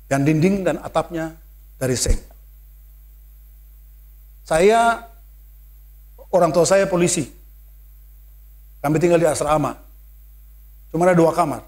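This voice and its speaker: Speaking with an Indonesian accent, this man delivers a church sermon that mixes in English phrases and rises to loud, emphatic appeals. His pitch sits on the high side.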